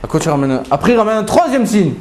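A man teaching a Talmud story to a small group, his fairly high voice leaping up whenever he acts out a quote. The recording is noisy, with clicks over it. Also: rapid-fire. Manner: animated storytelling, acting out quotes with big pitch jumps. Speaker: Torah teacher. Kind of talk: lively Talmud story lesson.

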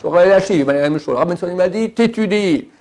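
A man from France, a rabbi teaching a Torah class and answering questions in an emphatic, animated way. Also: fast talker. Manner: animated, emphatic, jumps between high and low.

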